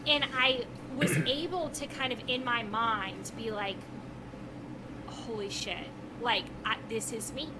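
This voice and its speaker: A woman co-hosting a podcast, talking casually and telling stories in an animated way. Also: a little high, takes it slowly. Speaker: podcast co-host and trader. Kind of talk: casual conversational storytelling. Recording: clearly noisy recording.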